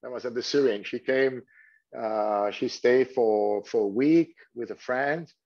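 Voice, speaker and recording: A darkish, medium-pitched male voice moves a little slowly as this French-speaking Swiss hotel general manager, middle-aged, responds in an interview. Fillers and restarts crop up constantly, and the recording quality is dull and lo-fi.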